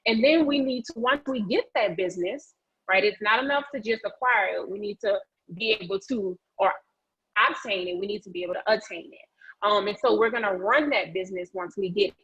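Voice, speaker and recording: Lady running a pep-talk training on a video call, husky voice, chatty and folksy, kinda muffled audio. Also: mid-range voice, a little fast, fairly bright tone. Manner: chatty, folksy, encouraging audience participation. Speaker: real estate agent leading a training session. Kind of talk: interactive motivational presentation on a video call.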